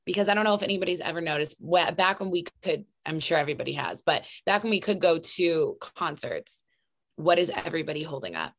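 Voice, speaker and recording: Woman in her twenties hosting a podcast, relaxed and conversational, casually profane. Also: deep voice, fast. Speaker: podcast host.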